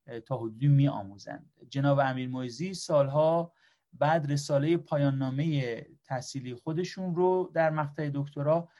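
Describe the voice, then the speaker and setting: A man's voice: on the high side, dark tone, highs cut off. A man moderating a lecture, giving a polite, formal introduction of the speaker with frequent hesitations.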